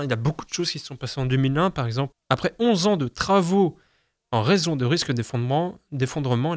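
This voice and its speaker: Speaking in a clean studio recording with no room sound, a young adult man with a medium-pitched voice hosts a casual reading of the day's almanac. He's chatty and pokes fun at himself, frequently tripping over his words.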